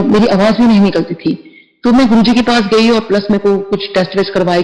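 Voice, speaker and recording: A woman's voice: medium pitch, darkish tone, roomy sound, low-quality recording. A middle-aged woman earnestly telling a devotional testimony, slipping English words into her speech.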